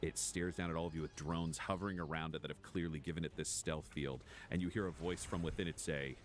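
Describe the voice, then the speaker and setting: A man narrating as game master of a tabletop role-playing game, setting scenes slowly and chatting casually with players. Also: very deep voice, steady tone, soft background music. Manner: slow, deliberate scene narration with casual asides.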